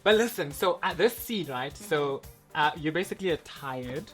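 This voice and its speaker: A man's voice: fairly high pitch, lively intonation, moderate pace, fairly bright tone, soft background music. A male host from South Africa in a playful, laughing casual chat.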